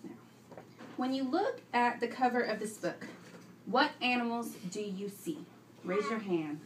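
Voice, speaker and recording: A woman teacher with a voice on the high side reads aloud a little slowly to young children, giving instructions, asking questions, and repeating the pupils' answers. Captured from a distance in an indoor classroom, the recording is roomy with faint noise.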